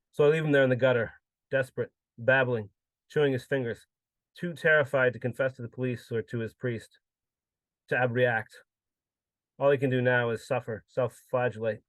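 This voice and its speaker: A man giving a measured, solemn reading of his own literary prose. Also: mid-range voice, no room sound. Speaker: contributor reading his story.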